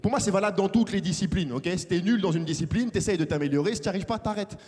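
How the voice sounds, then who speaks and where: A young man from France doing a lively stand-up comedy set, acting out characters in a big theater. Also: high voice, fast. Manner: animated, acts out characters. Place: large theater stage with audience. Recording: live hall reverb.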